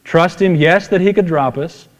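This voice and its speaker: A man's voice: on the high side, normal speed. A middle-aged man preaching a sermon with personal storytelling, in a folksy, conversational way, repeating phrases for emphasis. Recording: reverberant hall.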